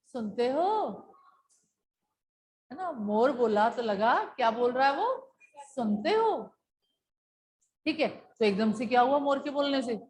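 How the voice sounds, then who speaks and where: A woman teacher explaining a poem to her class, patiently repeating key points and asking questions that she then answers herself. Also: fairly high pitch. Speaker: school teacher.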